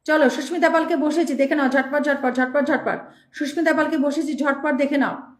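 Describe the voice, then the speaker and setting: A woman's voice: high-pitched, steady tone, brisk, roomy sound. A woman hosting a live stream, reading out viewer names and thanking them one after another in speech.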